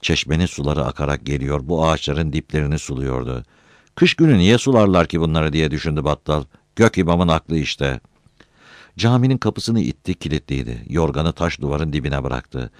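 A man reading a novel aloud as an audiobook narrator, with an expressive storytelling delivery. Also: very deep voice, moderate pace, dry recording. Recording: dry close recording.

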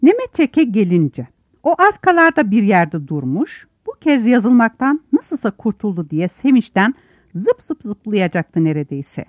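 A woman narrating an audiobook chapter with expressive, animated storytelling. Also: medium pitch, unhurried, no echo, lo-fi sound. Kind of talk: scripted narration.

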